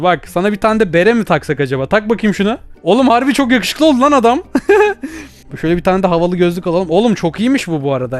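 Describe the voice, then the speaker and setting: A young man giving playful, teasing commentary while playing a VR game. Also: high voice. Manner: excitable, teasing, bursts of shouting and laughter. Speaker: gaming YouTuber. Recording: faint background music.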